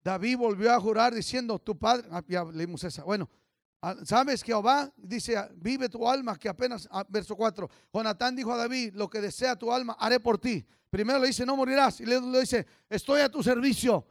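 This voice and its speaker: Male pastor, very high voice, gravelly edge, dry close sound, call-and-response preaching, soft asides to shouts. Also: moderate pace, no echo. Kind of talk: bilingual sermon.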